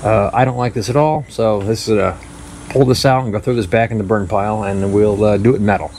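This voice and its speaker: A man's voice: on the low side, brisk, a little mellow, a little hiss or hum. A man in his fifties hosting a hot rod vlog, talking in a dry, self-deprecating way while he works in his garage and on the roadside. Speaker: hot rod builder and channel host. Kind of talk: casual workshop vlog narration.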